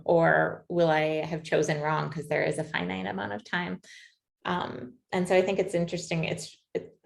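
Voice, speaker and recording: A woman in her late thirties with a low-pitched, gravelly voice interviews a guest in a reflective conversation. She thinks out loud and searches for words as she poses thoughtful questions.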